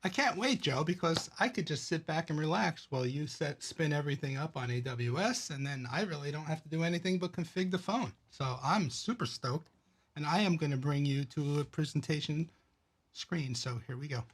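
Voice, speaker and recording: Relaxed older man hosting a livestream. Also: on the high side, moderate pace, slightly rough. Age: 60s. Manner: relaxed, joking. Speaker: channel host. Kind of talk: casual livestream chat.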